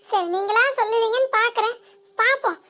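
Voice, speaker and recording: Cartoon: a woman as a giggly, sharp-tongued young village woman with a southern Tamil Nadu accent and a very high voice. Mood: knowing. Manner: mocking, quick-witted, giggly. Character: teasing young village woman, playful joker. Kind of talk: village cartoon comedy dialogue.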